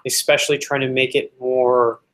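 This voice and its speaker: A man talking at a casual team meeting, chatty and speaking in quick bursts. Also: medium pitch, level tone, noisy background. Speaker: meeting participant.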